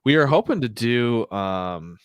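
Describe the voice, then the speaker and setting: A man's voice: medium pitch, lively intonation, measured pace, clear, resonant tone, no echo, studio quality. A man hosting a podcast livestream, chatting casually and rambling with many fillers, a bit out of breath. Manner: rambling, filler-heavy, jokey. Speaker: podcast host.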